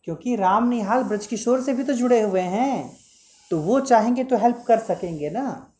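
A woman's voice: on the high side, expressive, moderate pace, dark tone. A woman teacher reading a story aloud and explaining it, stopping to ask and answer her own questions and to explain word meanings, with English words mixed in.

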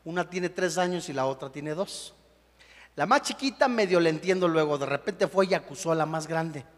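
A young adult man preaching a sermon as a pastor, animated, acting out the voices of the people he quotes. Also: on the high side, normal speed. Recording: long hall reverb.

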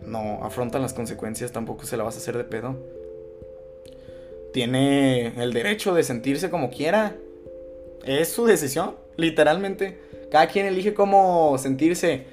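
A man's voice: medium pitch, measured pace, darkish tone, faint music behind. A young man with a Mexican Spanish accent, hosting a casual podcast, talking bluntly with heavy slang and swearing in a lecturing tone. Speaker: podcast host.

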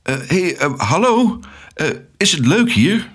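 A man doing a squawky young parrot, high-pitched. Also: big pitch swings, fairly quick, a bit bright, slightly rough, exaggerated voice. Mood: nervous. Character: cheeky young male macaw rapper.

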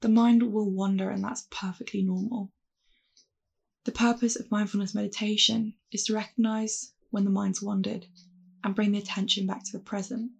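Gentle, reassuring instructions come from a woman leading a calm grounding meditation for mindfulness. Her voice is husky and creaky, medium in pitch, and she speaks at a normal speed.

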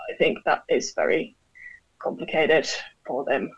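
A woman from Finland chatting as a guest over a video call, laughing often and pausing with fillers. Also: deep voice, animated, breathy edge. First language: Finnish. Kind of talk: casual chat. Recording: dull lo-fi call audio.

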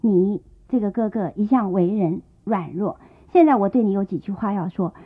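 Woman storyteller playing a stern brother laying down the rules, slow and grave, tinny phone-like old recording. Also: medium pitch, breathy edge, voice pushed down, lightly acted. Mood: admonishing. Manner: slow, measured admonishing. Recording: tinny lo-fi tape.

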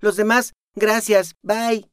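A sarcastic young woman who taunts her opponents in a high, cutting voice. A man puts her on for an audiobook. The recording is dry. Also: steady tone, slow pace, a bit bright, clear, resonant tone, no room sound. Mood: dismissive. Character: mocking, sharp-tongued young woman.

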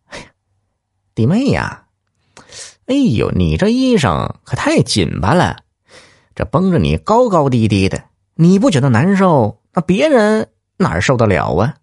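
A man's voice: very high voice, moderate pace, vocal fry, pushed and bright, voice pushed up, exaggerated voice. A man voicing a shameless village scoundrel with a wheedling, mocking, whiny way of talking.

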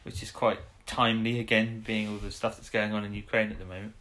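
A man's voice: on the low side, level tone, quick pace, pushed and bright. A man co-hosting a casual podcast, rambling through an episode recap with restarts and chuckles. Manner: rambling, self-interrupting, chuckling. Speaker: podcast co-host. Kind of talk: casual chat about an old TV episode.

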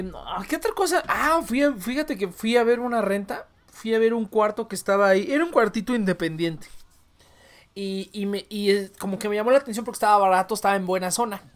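A woman with a Mexican accent hosts a live stream and chats freely to her viewers. Her talk rambles, full of local slang and casual cursing. Her voice sits at an ordinary middle pitch. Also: lively intonation, a little fast. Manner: rambling, slangy and profane, talking to chat viewers. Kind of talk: casual chat.

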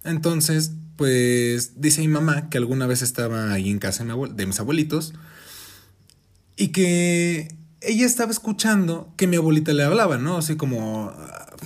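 Higher-voiced Mexican man telling a story. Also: moderate pace. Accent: Mexican Spanish. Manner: relaxed storyteller, quotes family members. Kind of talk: casual chat, storytelling.

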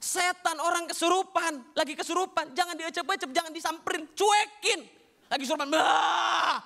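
A young man performs a stand-up set in a very high, bright voice. His delivery is loose, slangy banter that keeps slipping into acted-out scenes. He laughs along between the jokes. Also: fairly even intonation, fast talker. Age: young adult. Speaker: stand-up comedian.

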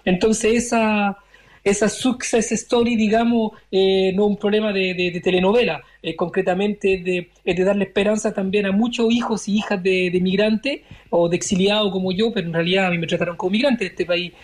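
A man in his forties, born in Chile, answering interview questions as a member of parliament in a measured way, searching for his words. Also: sits high, steady tone. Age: 40s.

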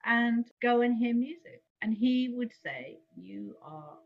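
In a relaxed interview, a jazz singer from England recounts her life at an easy pace, her fairly high voice leaping upward each time she quotes herself. She laughs a lot and stays lively throughout, captured on somewhat dull, lo-fi audio.

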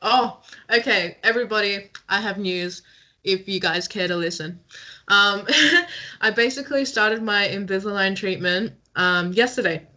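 A woman's voice: medium pitch, measured pace, bright, forceful tone. A young woman co-hosting a casual podcast over a call, explaining things step by step and laughing easily. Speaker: podcast co-host. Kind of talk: casual chat. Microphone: remote call.

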